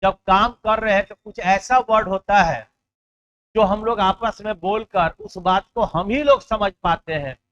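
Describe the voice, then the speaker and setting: A man teaching English vocabulary for exam prep. He explains in Hindi, reads English words out slowly and keeps checking in with his students. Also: sits high, a bit bright, dull audio.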